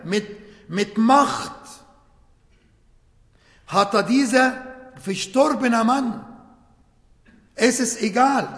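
A man with a high voice preaches slowly and deliberately, stopping to restart phrases and search for words. His earnest stresses ring out in a roomy church hall with a long, echoing reverb. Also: a bit bright. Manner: slow and emphatic, voice rising in earnest stress. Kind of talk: sermon.

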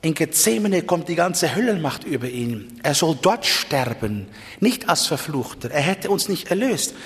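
Male preacher, fairly high voice, emphatic sermon, asks rhetorical questions, long reverb of a hall. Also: big pitch swings, moderate pace, fairly bright tone. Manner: emphatic, rhetorical questions, big swings in pitch.

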